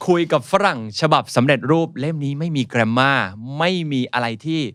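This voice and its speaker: A man from Thailand, a guest author, chatting casually and telling lively stories as he mixes English words into his talk. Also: mid-range voice, moderate pace, no echo, studio quality. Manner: lively, animated storytelling. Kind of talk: casual interview chat, mixing in English words.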